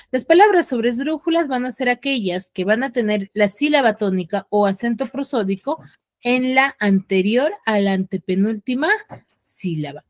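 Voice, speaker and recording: A woman teaching an online class in a dry, close sound with no room echo. She often stops to check that the students follow. She slows down and spells out each rule. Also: a little high. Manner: checks understanding with frequent "ya?" and "sí?"; slows down to stress key rules.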